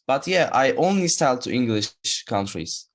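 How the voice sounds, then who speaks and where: A man speaks on a video call. His questions to his coach come eager and quick. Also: mid-range voice, very animated. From Turkey. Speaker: coaching client.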